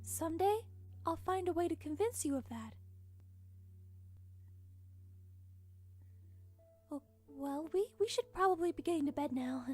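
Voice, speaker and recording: An actress playing a shy, kindly young pony princess in a cartoon fantasy, earnest and a little hesitant. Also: female voice, extremely high pitch, lively intonation, brisk, soft background music. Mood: kind, cheerful. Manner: soft-hearted, hesitant and earnest.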